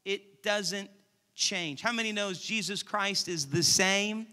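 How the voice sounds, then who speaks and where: Male preacher, high and very bright voice, builds to fervent intensity; church sanctuary reverb. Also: takes it slowly. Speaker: pastor. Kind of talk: sermon. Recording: long hall reverb from church.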